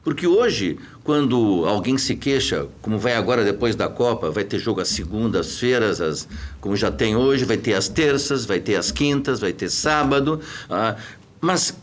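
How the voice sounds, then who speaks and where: A man's voice: fairly low pitch, animated, normal speed. A man from southern Brazil, emphatically explaining football business as a guest on a talk show.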